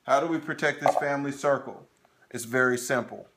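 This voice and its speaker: Animated man presenting in an echoey room. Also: medium pitch, brisk, background noise. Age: 30s. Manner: animated, talks to the audience, frequent "okay?". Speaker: financial presenter. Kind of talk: sales seminar presentation.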